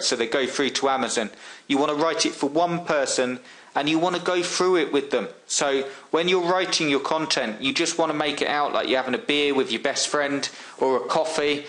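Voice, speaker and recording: A man's voice: on the high side, a bit bright. Man, casual tutorial host, talks like he's chatting over coffee. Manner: chatty, friend-to-friend tone with frequent ums and restarts. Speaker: online marketing tutor. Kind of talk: casual screen-share tutorial.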